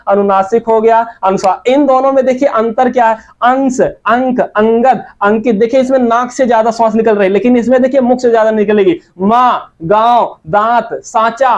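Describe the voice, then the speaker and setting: Hindi-accented male teacher, high voice, slow repeats and quizzing, muffled lo-fi sound. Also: darkish tone. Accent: Hindi, eastern Uttar Pradesh. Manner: repeats example words slowly, quizzes students with questions. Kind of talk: grammar lesson.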